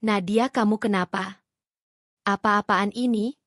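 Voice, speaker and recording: A woman's voice: mid-range voice, fairly even intonation, a little slow, no room sound, clean studio sound. A woman voicing a scheming husband who is exposed and turns angry and menacing in a read-aloud story. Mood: tense. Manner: shouting, menacing.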